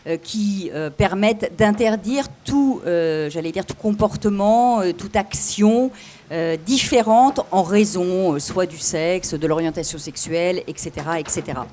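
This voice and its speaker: A woman lawyer with a slight lisp on her s sounds, giving a deliberate, didactic conference talk. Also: on the low side, dark tone, a little hiss or hum. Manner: deliberate, didactic, enumerates points. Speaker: lawyer, invited speaker.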